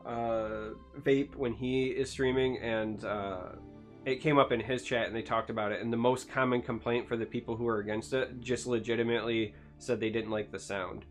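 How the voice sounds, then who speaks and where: A man's voice: medium pitch, steady tone, normal speed, soft background music. A man hosting a gaming podcast in casual chat, explaining things with plenty of fillers and teasing with dry humor. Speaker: podcast host, streamer.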